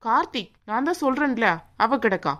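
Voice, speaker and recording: A woman doing a rude, haughty young bride in a cartoon. She rattles off sneering, bossy lines quickly in a fairly high voice. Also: animated, a bit bright. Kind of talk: cartoon voice acting.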